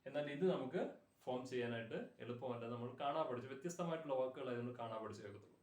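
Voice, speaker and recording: A man's voice: mid-range voice, rapid-fire, darkish tone, far from the mic. Man teaching grammar in an echoey room. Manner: patient, repeats word forms and checks understanding. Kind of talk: classroom grammar lesson.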